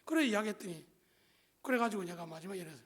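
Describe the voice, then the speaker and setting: A man's voice: high-pitched, expressive, fast, fairly bright tone, slightly rough. A middle-aged male pastor with a Gyeongsang Korean accent, telling a personal story in a sermon with colloquial, joking asides to the congregation.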